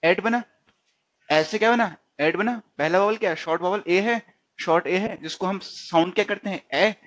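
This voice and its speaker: Through a dull lo-fi recording comes a man teaching stenography in a high-pitched, slightly bright voice at a moderate pace. He quizzes himself, repeats words, and leans on "theek hai" often.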